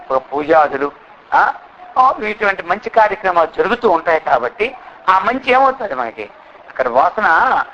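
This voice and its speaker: A man with a high, bright voice preaching a spiritual discourse, weaving stories and chanted scripture verses together. He keeps asking his listeners whether they understood. The recording sounds dull and lo-fi with a faint hiss behind it. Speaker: swami giving a spiritual discourse. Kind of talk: sermon.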